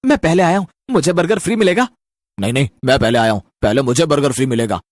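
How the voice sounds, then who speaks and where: A woman voicing grown men in a cartoon, loud, hurried and complaining, bewildered at having grown fat. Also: extremely low pitch, dry recording, voice pushed down. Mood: pushy. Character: bewildered grown-up male townsmen turned fat. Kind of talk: cartoon voice acting.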